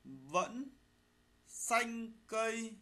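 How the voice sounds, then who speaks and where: A man teaching primary school, dictating a spelling lesson slowly, phrase by phrase. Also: extremely high pitch, animated, pushed and bright. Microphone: voice-over recorded for a slide video.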